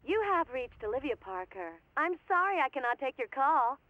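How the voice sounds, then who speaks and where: Woman's voicemail greeting, polite, breezy, high voice, landline phone answering machine, muffled. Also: very animated, normal speed, no echo. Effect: answering machine message over a landline phone. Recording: muffled phone line with faint hiss.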